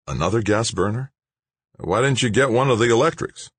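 A man's voice: medium pitch, expressive, fairly quick, a bit bright, husky, no room sound, pitched above the performer's own voice. A man reading aloud voices an exasperated middle-aged male engineer who needles his old friend. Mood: skeptical.

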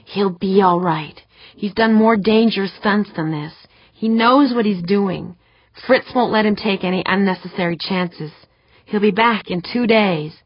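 A woman's voice: mid-range voice, measured pace, breathy edge, no room sound, pitched above the performer's own voice. A woman voicing an anxious woman talking to herself about her partner. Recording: dull dry lo-fi recording.

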